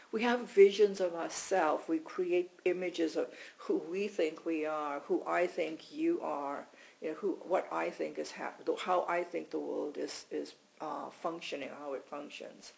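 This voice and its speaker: A woman's voice: lowish voice, vocal fry, a little mellow, low-quality recording. A woman teaching in an informal, conversational way, often repeating words and adding "right?". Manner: conversational, repeats words and adds tag questions. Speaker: meditation teacher.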